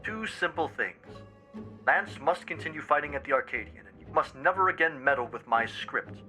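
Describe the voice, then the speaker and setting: A man reading a scheming, controlling male president through a voice changer, in a formal, measured and coolly commanding way. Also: a little high, lively intonation, bright, forceful tone, soft background music. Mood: cold, formal. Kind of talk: streamer voicing game dialogue.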